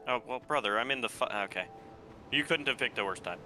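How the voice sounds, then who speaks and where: A man's voice: medium pitch, fast talker, pushed and bright, faint music behind. A young man chatting casually while playing a video game with friends, swearing and joking between moves. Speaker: gamer on voice chat. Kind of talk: casual gaming banter.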